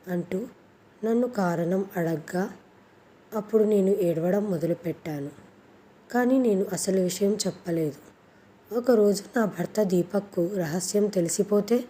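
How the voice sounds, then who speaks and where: A woman narrating a scripted first-person story in a steady, plaintive way. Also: lowish voice, a little hiss or hum.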